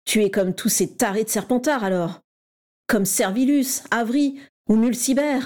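A woman's voice: fairly high pitch, normal speed, darkish tone, lightly acted. A woman voicing a cocky, mocking schoolboy who bullies a younger pupil, in a raised, taunting voice. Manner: taunting, showy.

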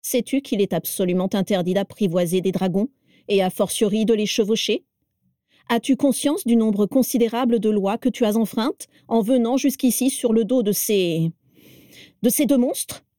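A woman's voice: medium pitch, normal speed, dark tone, dry recording, clean studio sound, natural voice. A woman voicing a cold, stern old wizard who scolds with disdain, read in an audiobook. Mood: scolding. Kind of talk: audiobook character reading.

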